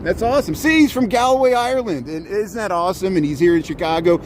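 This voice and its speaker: Man, slightly high voice, rambling casual livestream chat, halting with repeated words, noisy outdoor riverwalk. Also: lively intonation. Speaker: live streamer. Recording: outdoor livestream with clear city noise.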